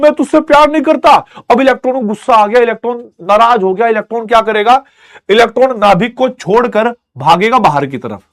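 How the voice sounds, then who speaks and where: A male teacher giving a classroom lecture, telling stories and making sound effects to explain a point. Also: sits high. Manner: animated storytelling with sound effects.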